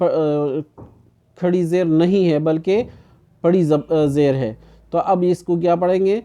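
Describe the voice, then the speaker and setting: A man teaching an online Quran recitation lesson, asking questions and answering them himself, then chanting the verses slowly to show how they should sound. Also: on the high side, dark tone.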